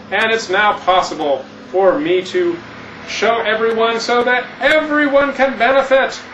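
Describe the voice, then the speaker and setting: A man's voice: high-pitched, fairly bright tone, slight background noise. A man playing Santa Claus as an older keynote speaker, explaining things in a folksy, meandering way. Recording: echoey, distant, muffled, music behind.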